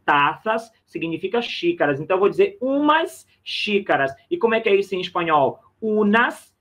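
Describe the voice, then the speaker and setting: Brief: male language teacher, raised pitch, friendly repetitive explainer style. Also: sing-song, moderate pace, fairly bright tone. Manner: chatty, repeats and checks with "né?", calls listener "camarada". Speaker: Spanish teacher. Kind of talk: recorded online lesson.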